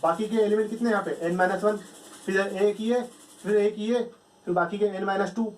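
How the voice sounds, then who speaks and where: A man gives a whiteboard math lesson in a fairly high voice. He walks through each step, posing questions and answering them himself. The sound is picked up from some distance off the mic. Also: steady tone, normal speed, a little mellow. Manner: explains step by step, asks and answers his own questions. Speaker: math teacher.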